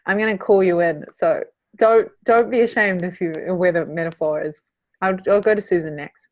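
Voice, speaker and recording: A woman's voice: mid-range voice, moderate pace, no room sound, highs cut off. A woman with a New Zealand accent leading an online class call, speaking informally and calling on people by name. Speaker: course facilitator. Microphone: video call.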